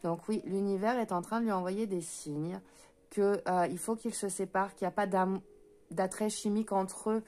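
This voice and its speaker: A woman with a French accent doing a spoken card reading for viewers. She talks fast, trips over her words and fills pauses with hesitant sounds. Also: mid-range voice, fairly even intonation, dark tone. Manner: talks fast and stumbles, many hesitant fillers. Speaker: intuitive card reader.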